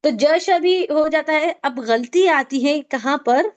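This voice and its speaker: A woman with a high voice runs an online recitation class. She works through pronunciation rules step by step and keeps asking her students for answers. Her voice comes through a video call. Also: slow, lo-fi sound. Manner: explanatory, asks students questions. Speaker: tajweed teacher.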